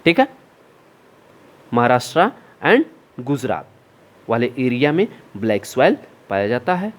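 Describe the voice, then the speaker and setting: A man's voice: mid-range voice, big pitch swings, a little slow. A middle-aged man giving a classroom lecture, asking questions and answering them himself, with English terms mixed in. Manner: asks and answers his own questions, mixing in English terms. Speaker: teacher.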